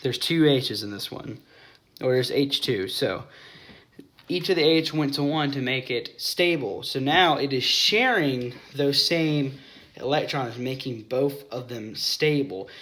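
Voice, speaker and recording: A man's voice: mid-range voice, a little slow, a bit bright. A young man explaining chemistry in a casual whiteboard lesson, often stopping to correct himself and apologize.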